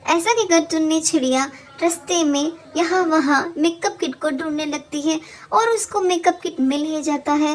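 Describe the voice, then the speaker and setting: A woman narrates a cartoon fable in a steady, plain storytelling manner. Her voice sits high. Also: normal speed, hardly any pauses.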